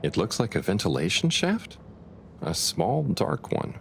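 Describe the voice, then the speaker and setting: A man voicing a gentle, naive and kindly video game character who talks in a mild, hesitant, earnest way. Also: lowish voice, sing-song, unhurried, a little hiss or hum, heavily acted. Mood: unsure, hesitant. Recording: music behind the voice. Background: clear music.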